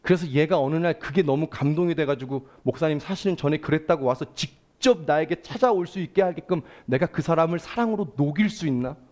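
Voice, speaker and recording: A man's voice: fairly high pitch, brisk, few pauses, darkish tone. A male pastor preaching a Sunday sermon in a church, emphatic and calling out to the congregation.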